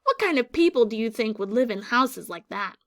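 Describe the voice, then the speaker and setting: A brash, bossy young schoolboy from a picture book, voiced by a woman reading aloud. He speaks bluntly in a raised, excitable voice that jumps around a lot. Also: on the high side, a little fast. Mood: excited.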